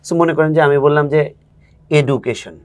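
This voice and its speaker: A man's voice: mid-range voice, lively intonation, moderate pace. A man who coaches spoken English, a guest in a casual interview, explaining patiently and acting out examples.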